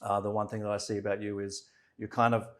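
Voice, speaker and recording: A man hosting an interview in a measured way, with many fillers. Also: fairly low pitch, little pitch movement. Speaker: podcast host. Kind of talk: conversational interview.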